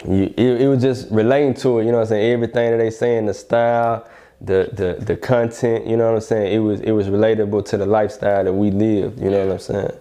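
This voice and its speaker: A man with an Alabama Southern accent speaks in a low-leaning, very mellow and relaxed voice. He talks casually, as in an interview, using plenty of slang and often checking that the listener follows. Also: quick pace. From Alabama, United States. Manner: slangy, repeatedly checks "you know what I'm saying". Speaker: rapper being interviewed.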